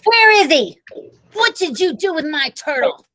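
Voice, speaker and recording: Storybook schoolboy, acted by a woman: frantic, insistent, with a lively swooping pitch. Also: measured pace, no echo, full character voice. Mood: frantic, accusing. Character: frantic, accusing fourth-grade boy. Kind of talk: children's storybook read-aloud.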